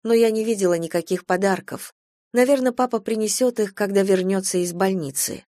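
A woman reading a first-person story as an audiobook narrator, calm and measured, on a close mic. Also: lowish voice, no echo.

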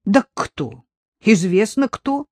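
A woman's voice: medium pitch, very animated, slow pace, darkish tone, no room sound, studio quality, pitched above the performer's own voice. Woman doing a nosy gossiping old village woman. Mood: knowing. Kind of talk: audiobook character voice.

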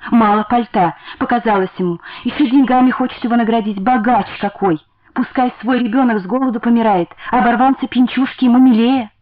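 A woman's voice: medium pitch, brisk, phone-quality sound, natural voice. A woman voicing a downtrodden young wife in a dramatic reading, agitated and pleading. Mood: bitter.

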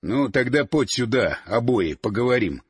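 A man doing a gruff stern father. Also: mid-range voice, expressive, moderate pace, pitched below the performer's own voice. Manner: gruff, commanding. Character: stern middle-aged father, dry humor.

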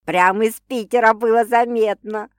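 A woman's voice: on the high side, steady tone, measured pace, clear, resonant tone, dry recording, studio quality, close to an everyday voice. A woman voicing a blunt, skeptical older sister who talks in brash slang in an audiobook. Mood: joking.

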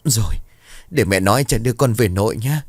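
A man's voice: mid-range voice, expressive, a little fast, a little mellow, no echo, clean studio sound, pitched above the performer's own voice, lightly acted. A man voicing a worried young mother, speaking in a raised, pleading tone. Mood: soothing.

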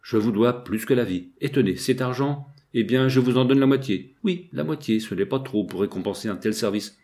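A man's voice: medium pitch, a little fast, a little mellow, lightly acted. A man reading a novel aloud, voicing a frightened bank clerk who gushes thanks. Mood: relieved.

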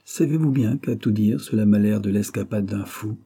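A man reading an audiobook, voicing a calm, matter-of-fact friend who reasons things out. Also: on the low side, normal speed, gravelly, breathy edge. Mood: reasoning.

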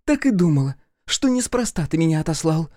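Brash drunk young woman, shrill and mocking, swooping tune, male reader puts her on, storybook. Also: sing-song, fairly quick, darkish tone, dry recording, studio quality. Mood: taunting. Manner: shrill, mocking, slurred taunts.

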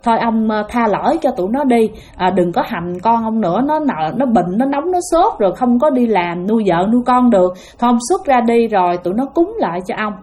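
A woman's voice: a little high, lively intonation, fairly quick, few pauses, mellow, close to an everyday voice. A woman voicing a pleading old shaman. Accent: Southern Vietnamese. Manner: coaxing, pleading.

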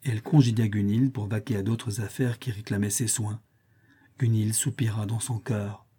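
A man narrating an audiobook in a measured, even reading. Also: lowish voice, breathy edge. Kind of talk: scripted narration.

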